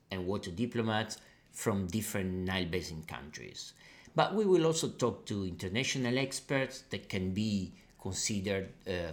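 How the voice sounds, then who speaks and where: Low-voiced male podcast host narrating. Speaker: lecturer and researcher. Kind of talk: scripted narration.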